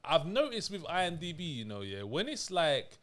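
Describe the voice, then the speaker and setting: A man co-hosting a casual movie review chat, animated and laughing, often restarting his sentences. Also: on the high side, a little fast. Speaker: podcast co-host.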